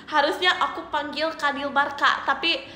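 High, bright, giggly young woman streaming. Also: steady tone, moderate pace, echoey room. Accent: Indonesian. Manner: giggly, bubbly, often laughing and singsong. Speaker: idol livestream host. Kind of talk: casual livestream chat.

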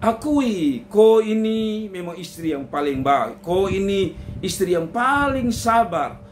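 A man's voice: high-pitched, expressive, slow, slight background noise. A man voicing a short-tempered, curious Papuan husband, speaking with a Papuan Malay accent and pressing insistently for answers. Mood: pleading. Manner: insistent, coaxing questions.

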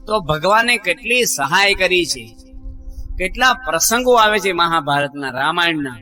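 A monk preaches in a folksy storytelling style, slipping into the voices of the people in his stories. His voice is fairly high and very bright. Faint music plays behind him. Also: animated, a little slow. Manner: folksy storyteller acting out quoted dialogue. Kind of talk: devotional sermon with storytelling.

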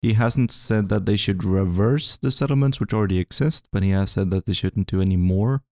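A man's voice: on the low side, a little fast, warm tone, no room sound. A man co-hosting a podcast, talking politics in a casual, hesitant way with dry jokes. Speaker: podcast co-host.

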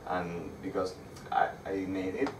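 A young man with a Spanish accent giving a meetup tech talk with slides, speaking haltingly with frequent restarts. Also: sits low, flat delivery. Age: young adult. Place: dark room with projector screen. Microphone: far camera. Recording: echoey room, distant mic, audible background noise.

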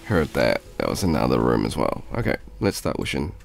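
Over loud music, a very deep, gravelly male voice comes through, very animated yet slow-paced. He's a gaming YouTuber with a nasal, congested cold, casually chatting to his viewers as he plays a video game.

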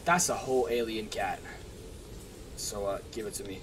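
A man's voice: fairly low pitch, normal speed, noisy background. A young man hosting a horror game let's play, chatting casually, swearing and getting scared. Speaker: gaming channel host. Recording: game music playing under the voice.

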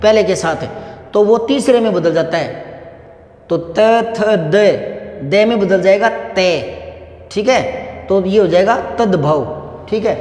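A man with a cough teaching Hindi grammar in a patient, slow lesson, repeating points and asking rhetorical questions. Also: sits high, a little mellow. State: unwell with a cough. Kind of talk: explanatory classroom lesson. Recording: echoey room with long reverb.

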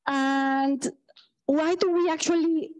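A woman's voice: sits high, steady tone, slow pace, darkish tone. A woman in her thirties from Mexico, an astrophysicist giving a friendly public lecture in a lecture hall, often restarting her sentences.

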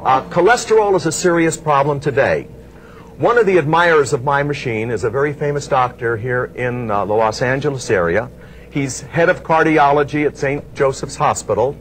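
A man's voice: mid-range voice, normal speed, fairly bright tone, rough recording. A man hosting a product demonstration, folksy and unscripted, talking through each step as he sells. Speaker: infomercial host and product demonstrator. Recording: faint background noise, vinyl transfer.

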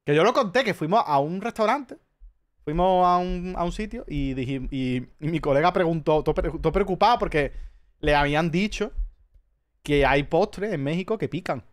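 A man's voice: on the high side, normal speed. A man with an accent from Spain, chatting casually as a streamer, telling rambling stories full of swearing. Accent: Spanish from Spain. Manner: profane, rambling storyteller. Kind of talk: casual chat.

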